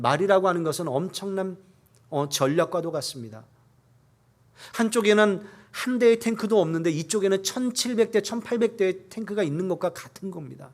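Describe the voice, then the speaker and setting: Man, pastor, sermon, high-pitched voice, earnest preaching, measured scripture reading. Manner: earnest preaching, rising in force at key points then dropping low; reads scripture aloud in a measured cadence.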